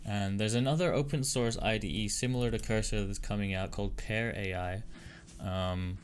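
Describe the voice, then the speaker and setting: A man hosting a livestream over a headset mic, chatting casually and loosely with lots of fillers as he greets viewers and tests software. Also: on the low side, fairly even intonation, moderate pace, a little hiss or hum. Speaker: livestream host. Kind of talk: casual livestream chat while testing software.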